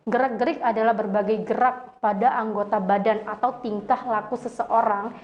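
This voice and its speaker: A woman with a slightly high voice reads a lesson aloud, stumbling over words and correcting herself as she goes. The recording is dull and lo-fi. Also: steady tone, normal speed. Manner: reads with slips and self-corrections.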